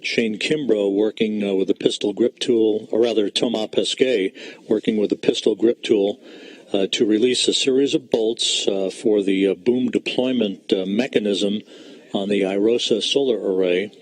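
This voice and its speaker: Low-voiced male live mission commentator. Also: fairly even intonation, moderate pace. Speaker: broadcast commentator.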